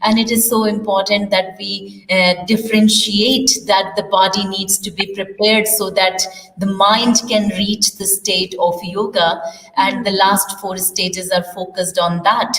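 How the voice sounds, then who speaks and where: A woman's voice: medium pitch, flat delivery, unhurried, a bit bright. A woman hosting an interview and explaining yoga in a conversational way. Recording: distant, echoey hall with faint noise.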